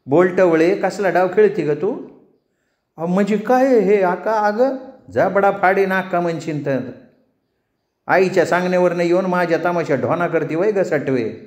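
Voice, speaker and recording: A man's voice: a little high, normal speed, close to an everyday voice. Fierce rural troupe-owner woman, man voicing, scolding, echoey storybook read. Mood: furious. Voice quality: village dialect speech. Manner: scolding, commanding.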